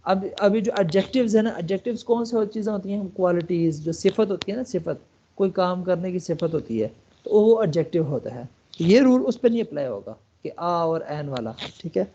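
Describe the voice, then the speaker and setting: A high-pitched man from Pakistan teaches an online Arabic class, his tone mellow and soft-edged. He walks through each point patiently and reads lines aloud slowly. The sound is muffled, like a dull call line. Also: expressive, a little hiss or hum. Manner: explains step by step, reads English lines aloud slowly, keeps checking with "okay?". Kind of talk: online language lesson.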